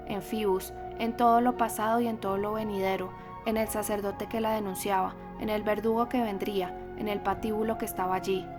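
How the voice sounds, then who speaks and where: A woman with a Latin American Spanish accent reading an audiobook in a dramatic, expressive manner. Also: mid-range voice. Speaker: audiobook narrator. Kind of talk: scripted audiobook narration.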